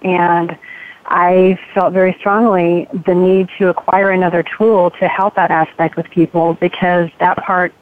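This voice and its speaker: A woman's voice: on the low side, level tone. Earnest woman caller on a phone line. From San Diego area. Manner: earnest, halting, with fillers. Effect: caller heard over a phone line. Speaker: radio show caller. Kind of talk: call-in comment on a radio talk show.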